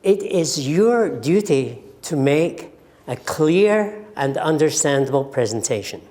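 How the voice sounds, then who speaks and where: Older man, scottish accent, lecturer, very slow delivery, acts out sample phrases. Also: on the high side, very animated, mellow. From Scotland. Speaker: lecturer on medical communication.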